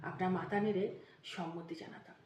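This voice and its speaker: A woman's voice: on the low side, steady tone, normal speed, a little mellow, recorded from a distance, a little hiss or hum. A woman giving a motivational talk as a story, with an emotive, dramatic delivery that rises and drops suddenly. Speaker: motivational speaker. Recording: echoey room.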